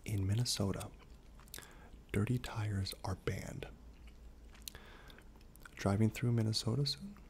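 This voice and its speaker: Soft-spoken man, creaky half-whispered ASMR. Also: on the low side, slight background noise. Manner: gentle, unhurried delivery with gum chewing. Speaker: ASMR host. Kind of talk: soft-spoken ASMR, reading trivia aloud with asides.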